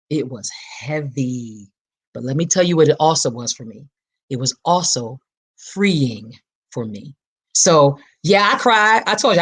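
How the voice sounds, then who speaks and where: A woman hosts her podcast alone, talking with a preacher's fire and repeating lines to drive them home. Her voice is husky and sits fairly low. It swings widely up and down in pitch. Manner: preacher-like, emphatic, repeats phrases for stress. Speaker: podcast host. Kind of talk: impassioned solo podcast monologue.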